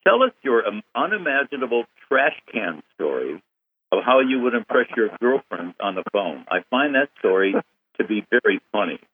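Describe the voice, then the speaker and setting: Husky male host on a phone line. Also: medium pitch, sing-song, moderate pace. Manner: effusive, praising the guest. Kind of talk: phone interview.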